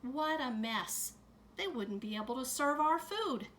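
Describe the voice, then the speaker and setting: A woman teacher in middle age reads a picture book aloud to young children. Her voice sits a little high and sounds bright, and she takes her time over every line. She stops now and then to talk gently to her listeners. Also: expressive, a little hiss or hum. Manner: slow, gentle storytime delivery with added comments to kids.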